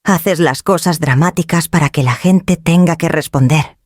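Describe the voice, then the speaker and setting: A woman's voice: sits low, moderate pace, a little mellow, no room sound, studio quality. A woman voicing a cold, dismissive adult daughter who speaks curtly and impatiently in a story reading. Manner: curt, impatient.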